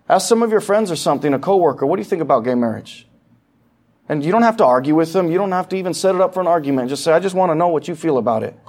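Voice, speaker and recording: Male pastor, casual sermon delivery, fairly high voice, acts out voices and asks the room questions. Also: darkish tone. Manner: conversational preaching, acts out quoted voices, asks the congregation questions. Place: church sanctuary.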